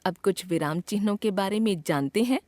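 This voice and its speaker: A woman teacher narrating a scripted grammar lesson in a clear, expressive way, acting out example sentences. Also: mid-range voice, fairly quick, no echo.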